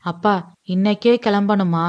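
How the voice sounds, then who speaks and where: A woman voicing a soft-hearted young bride, devoted to her father, who speaks in a soft, affectionate way. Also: medium pitch, fairly even intonation, a little slow, no room sound, close to an everyday voice. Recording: dull, dry lo-fi recording.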